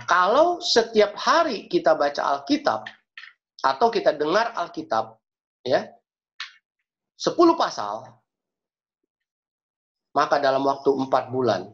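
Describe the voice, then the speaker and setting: A man's voice: mid-range voice, fairly bright tone. A man preaching and praying as a pastor, speaking earnestly and repeating key phrases for emphasis. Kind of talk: sermon and prayer. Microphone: video call. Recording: dull lo-fi video call audio.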